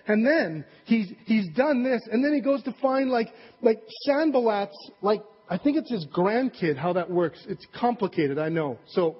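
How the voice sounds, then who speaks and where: Male pastor, conversational sermon with jokes and asides; husky tone, lo-fi recording. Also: high voice. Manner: conversational, joking, many fillers and asides. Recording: dull recording with long hall reverb.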